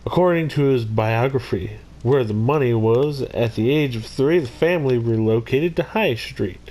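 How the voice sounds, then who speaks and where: A man's voice: mid-range voice, moderate pace, a little mellow. A man hosting his own video, casually narrating a criminal history and breaking off into rambling jokey asides. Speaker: YouTube host. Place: Missouri.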